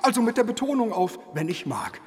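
A miserly old uncle in a musical radio play, talking and singing with a high, gravelly edge. He is curt and scornful and drags out his words slowly. Loud music plays behind him. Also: expressive, full character voice. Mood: curt, dismissive. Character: stingy grumpy old rich uncle, miserly businessman. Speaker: singer in an audio musical. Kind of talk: musical audio drama, sung and spoken.

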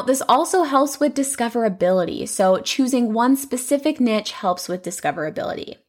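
A young woman hosting her own podcast, chatting in a casual, upbeat way with lots of "you know" fillers. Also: a little high. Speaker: podcast host.

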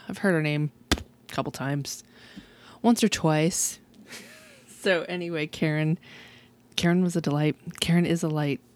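A woman hosting a podcast in a casual, chatty and enthusiastic way, laughing often. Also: low-pitched. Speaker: podcast host.

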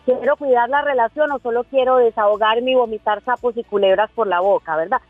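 A woman's voice: on the high side, a little fast, no echo, soft background music. Woman guest over a tinny phone line. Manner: clear, precise, instructive. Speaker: guest expert in emotional control. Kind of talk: conversational advice on a podcast.

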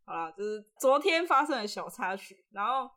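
A woman's voice: fairly high pitch, a little fast. A woman around thirty, co-hosting a casual podcast chat, telling stories with lots of laughter and acting out what people said. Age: 30s. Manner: animated storytelling, acting out quoted people; laughs often. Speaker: podcast co-host.

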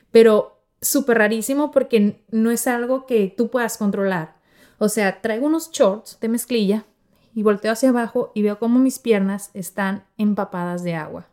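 A woman in her thirties hosting a podcast, telling a personal story in a casual, animated way and acting out the voices of the people she quotes. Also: medium pitch. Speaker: podcast host.

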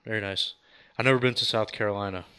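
Male interview host, quick and smooth, low-ish voice. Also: fairly even intonation, pushed and bright. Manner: friendly, asks questions. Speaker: podcast host. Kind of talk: casual interview.

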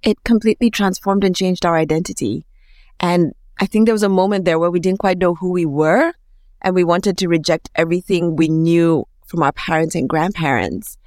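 A woman's voice: fairly low pitch, moderate pace, darkish tone, no echo, studio quality. A woman with a Kenyan accent speaking reflectively and expressively as an interview guest.

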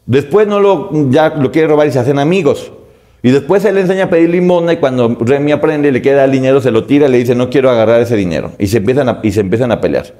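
A man with a Mexican accent talks through a cartoon's story in a relaxed review. His tone is mellow and warm, and his delivery is full of sarcasm and quick jokes. He often stops to correct himself. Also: mid-range voice. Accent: Mexican Spanish. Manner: sarcastic, joking, with laughs and self-corrections. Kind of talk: casual spoken review, retelling a plot.

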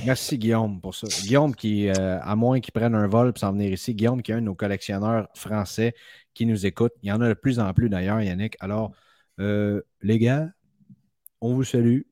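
Low-voiced Québécois man, joking co-host. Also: fairly even intonation, a little fast, darkish tone, dry recording, studio quality. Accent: Québécois French. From Quebec. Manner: joking, rambling, playful teasing. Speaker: podcast co-host. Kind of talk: casual chat.

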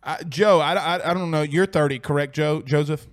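A man's voice: on the high side, moderate pace, no room sound, clean studio sound. A man hosting a casual sports podcast, rambling and blunt, swearing casually. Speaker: host.

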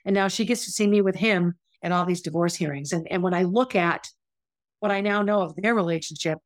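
A woman's voice: on the low side, brisk, dry recording. Middle-aged woman, candid and emotional, solo storytelling host, dry close sound. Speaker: podcast host, former teacher. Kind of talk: personal storytelling monologue.

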